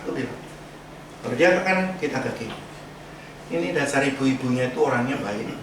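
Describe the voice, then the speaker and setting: A pastor preaches in a chatty, casual style, his medium-pitched voice expressive and fairly quick. He drops slang asides and performs the voices he quotes; the distant mic picks up an echoey church hall and a noisy background.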